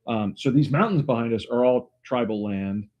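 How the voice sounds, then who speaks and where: Easygoing, teasing podcast host. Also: male voice, mid-range voice, muffled recording. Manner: teasing, easygoing, quick quips. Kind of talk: casual chat. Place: outdoors at a desert retreat.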